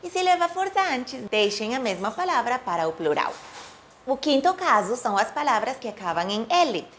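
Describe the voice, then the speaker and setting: Professora de português, fala pausada e expressiva. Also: female voice, very animated, a bit bright, slight background noise. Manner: clear, deliberate, says example words slowly with rising and falling pitch. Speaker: Portuguese teacher. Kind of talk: language lesson.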